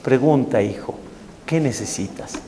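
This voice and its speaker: A man voicing a patient, calm elderly sage who speaks slowly and softly. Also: medium pitch, big-room sound, slight background noise, pitched below the performer's own voice. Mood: calm, gentle. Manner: slow, soft, soothing.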